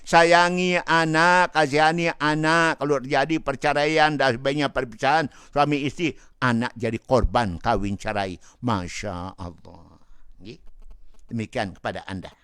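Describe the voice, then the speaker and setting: A man's voice: medium pitch, steady tone, moderate pace, fairly bright tone, clean tone, no room sound, studio quality. A man giving religious advice as a preacher, retelling a story in a folksy, repetitive way with frequent rhetorical asides. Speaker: Islamic preacher answering a listener.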